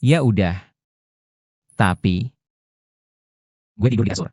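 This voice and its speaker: An actor dubbing a cocky, vain young rich boss in a drama series, talking in a smug, teasing way. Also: male voice, on the low side, slow pace, darkish tone, dry recording, studio quality. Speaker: dub actor. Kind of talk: Indonesian dub of a drama series.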